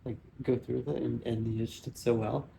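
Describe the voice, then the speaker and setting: A man's voice: mid-range voice, level tone, a little fast, creaky, warm tone, a little hiss or hum. A man, the husband, answering his wife's questions in an earnest, hesitant way with frequent ums. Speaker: husband being interviewed. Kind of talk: casual conversation.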